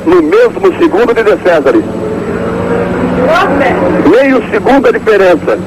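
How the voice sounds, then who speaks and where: Brazilian guy doing live motorsport commentary, really high voice, super loud car noise behind him. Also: sing-song, unhurried. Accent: Brazilian Portuguese. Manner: motorsport commentator delivery, calling positions and timings. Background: racing cars and engine noise.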